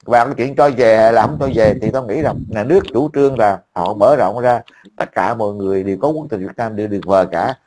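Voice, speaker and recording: A man's voice: fairly low pitch, quick pace, a little mellow. A man, talking casually to a friend as an online commentator, blunt, profane and mocking.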